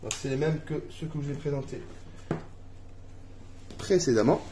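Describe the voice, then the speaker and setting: A man's voice: on the high side, normal speed, warm tone, a little hiss or hum. A man from France casually unboxing a family board game at home, reading cards aloud and laughing at his own English accent.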